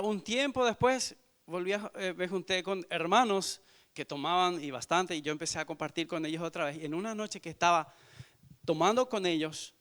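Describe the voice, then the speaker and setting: A man in his forties, a visiting missionary, giving an earnest sermon testimony in church, moving from hushed to loud. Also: fairly high pitch. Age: 40s.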